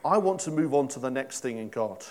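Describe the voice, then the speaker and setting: A man's voice: medium pitch, expressive, brisk, darkish tone. A middle-aged man preaching a sermon in a conversational way, asking his listeners questions and joking with them. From Britain. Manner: conversational, asks the congregation questions, jokes. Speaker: pastor.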